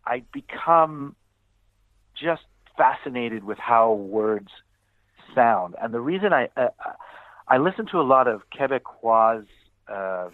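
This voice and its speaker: A man's voice: mid-range voice, animated, slow, no room sound. A man co-hosting a music podcast, talking casually and rambling, with many restarts and fillers. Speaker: podcast co-host. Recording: tinny phone-like audio.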